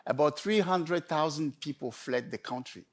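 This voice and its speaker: A man delivering a prepared storytelling talk in measured, emphatic short phrases with pauses. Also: on the high side. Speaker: conference speaker.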